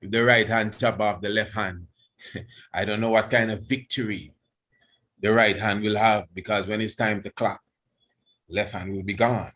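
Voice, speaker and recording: A low-pitched male priest delivers an unscripted religious address in Rastafarian idiom. He phrases things deliberately and haltingly, circling back to repeat words and offer reverent thanks. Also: steady tone, a bit bright. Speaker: priest giving a guest address.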